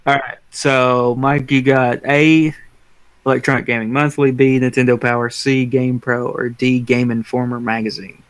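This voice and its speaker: A man co-hosting a casual podcast, reading out trivia questions and answer options slowly and deliberately. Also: mid-range voice, flat delivery, clear, resonant tone, no room sound, rough recording. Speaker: podcast co-host running a trivia quiz.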